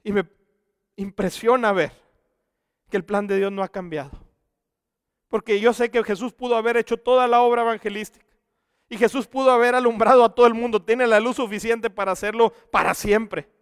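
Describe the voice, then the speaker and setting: High-voiced man preaching a sermon. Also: steady tone, brisk, clear, resonant tone, no room sound, clean studio sound, long reverb tail. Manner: earnest preaching, swings from loud to hushed.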